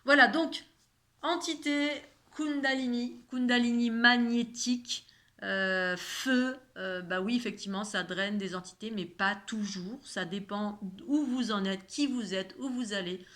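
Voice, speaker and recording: A woman's voice: on the high side, a little slow, fairly bright tone. A woman with a slight lisp on her s sounds, speaking in a casual, rambling spiritual monologue and repeating words for emphasis.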